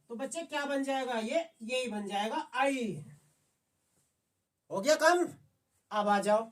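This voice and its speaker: A man's voice: very high voice, a bit bright, far from the mic. A male Hindi teacher giving an exam-prep class, asking the students questions and answering them himself. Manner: coaxing, repeats "समझ गए बच्चे?".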